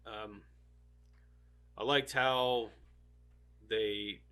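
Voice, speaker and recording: A man's voice: fairly low pitch, fairly even intonation, drawn-out words, pushed and bright. A man chatting casually as a panelist on a podcast. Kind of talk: casual chat.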